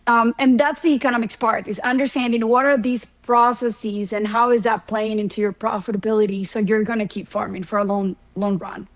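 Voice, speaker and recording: A woman's voice: on the high side, fairly even intonation, a little fast, hardly any pauses, low-quality recording. A middle-aged woman from Ecuador, a guest professor explaining her field in a conversational interview, with ordinary fillers and worked examples. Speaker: guest, horticulture economics professor.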